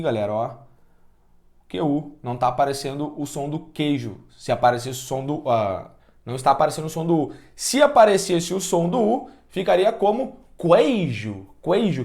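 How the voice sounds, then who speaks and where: Upbeat Brazilian teacher, higher voice. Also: male voice. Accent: Brazilian Portuguese. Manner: energetic, asks the class questions and counts out loud. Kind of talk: online class lecture.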